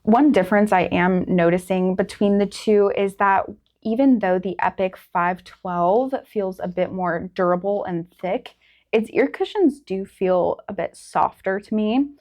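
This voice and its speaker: A woman's voice: mid-range voice, unhurried, darkish tone. A woman hosting a product review in a casual presenting style.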